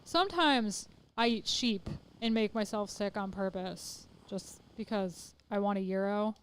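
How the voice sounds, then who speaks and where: A woman's voice: mid-range voice, unhurried, clear, resonant tone. Woman co-host on a gaming stream; teasing, playful banter. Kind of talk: casual gaming chat.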